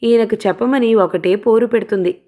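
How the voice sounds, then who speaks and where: Brief: coy, teasing young wife in an audio novel, voice lifted a little higher than the narration, read by a woman. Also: fairly even intonation, moderate pace, mellow, close to an everyday voice. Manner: coy, teasing, sing-song.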